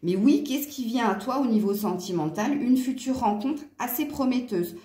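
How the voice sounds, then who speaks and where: A woman's voice: fairly high pitch, expressive, normal speed, warm tone. Chatty woman reading tarot, echoey room. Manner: chatty, hesitant, frequent fillers and restarts. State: tired from poor sleep. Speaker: tarot card reader. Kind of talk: casual tarot reading to viewers.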